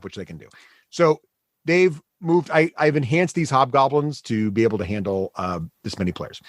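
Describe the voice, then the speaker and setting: Guy dm-ing a tabletop game, very expressive, thinks out loud as he narrates, dry sound. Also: a little high, dry recording. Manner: halting, thinking aloud while narrating. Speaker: game master.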